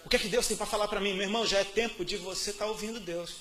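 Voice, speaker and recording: Amid crowd noise, a preacher with a Brazilian Portuguese accent gives his testimony in a sermon, speaking fast in a high voice with a steady tone. He uses casual slang and repeats himself a lot, swinging between quiet murmurs and loud outbursts.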